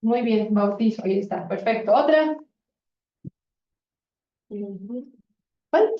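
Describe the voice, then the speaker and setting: A woman's voice: medium pitch, animated, takes it slowly, echoey room, a little hiss or hum. A woman teaching a grammar lesson, asking students questions and encouraging them. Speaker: Spanish teacher. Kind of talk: classroom lesson. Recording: lo-fi classroom recording from a distance.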